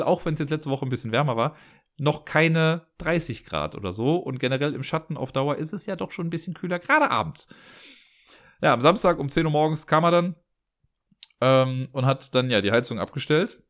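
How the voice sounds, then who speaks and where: A man's voice: a little high, lively intonation, normal speed. A man telling a story in a chatty, exasperated rant from his living room, often tagging his sentences with a questioning "ne?".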